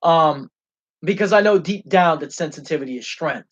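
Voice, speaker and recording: A young man running his own stream goes on an angry, passionate rant with plenty of swearing and no script. His voice is a little high, animated, and a bit bright at a normal speed, with dull, lo-fi stream audio.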